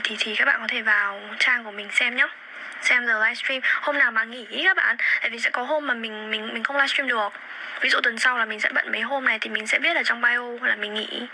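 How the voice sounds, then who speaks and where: A young woman, chatting casually on a phone livestream and repeating words as she searches for them. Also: fairly high pitch. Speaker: livestream host. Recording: phone livestream with steady background noise.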